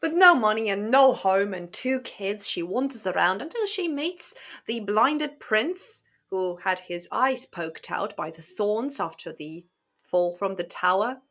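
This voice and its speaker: A woman with a mid-range, fairly bright voice speaks expressively and a little slowly. She hosts a channel about books and fairy tales, offering casual commentary to viewers in a hesitant, wry way full of rhetorical asides.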